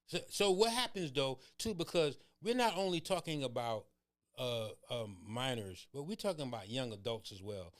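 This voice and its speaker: A man co-hosting a casual faith talk show, speaking with an emphatic, animated preaching cadence. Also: mid-range voice, moderate pace. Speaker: co-host.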